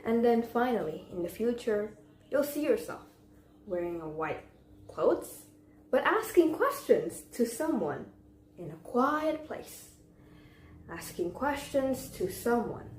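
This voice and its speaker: A young woman delivers a memorized contest speech in a deliberate, theatrical way, with pauses and rhetorical questions. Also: a little high, very animated. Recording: echoey room with faint background noise.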